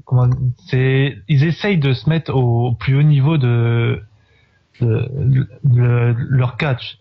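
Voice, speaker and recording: A man answers in a hesitant, halting way on a podcast. His voice sits at a middle pitch. The sound is dull and lo-fi. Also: fairly even intonation. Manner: hesitant, halting, many restarts. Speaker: podcast guest. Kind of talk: casual podcast discussion.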